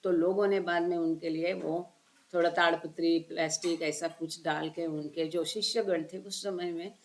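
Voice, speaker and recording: A woman's voice: fairly low pitch, fairly even intonation, moderate pace, slight background noise. A woman reads a spiritual book aloud passage by passage, then explains each part at length and puts questions to her listeners in an online session. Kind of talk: book reading with commentary.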